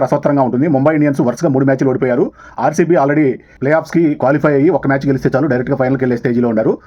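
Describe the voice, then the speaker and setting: Fast-talking Telugu Indian man recapping sport. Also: medium pitch, warm tone. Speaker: YouTube channel host. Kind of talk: sports match recap narration. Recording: dull, lo-fi audio.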